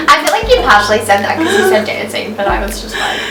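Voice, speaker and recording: A woman's voice: fairly high pitch, big pitch swings, a little fast, noisy background. A young Australian woman in her twenties, chatting casually as a vlog co-host, filling her talk with "like". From northern New South Wales, Australia. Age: 20s. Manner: chatty, full of "like" fillers. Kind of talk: casual chat. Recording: roomy sound, mic at a distance, music under.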